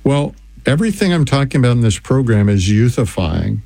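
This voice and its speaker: An older man hosting a radio health show, reading customer testimonials and repeating a toll-free number in an earnest sales pitch. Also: very animated, fairly quick, gravelly, warm tone, no echo.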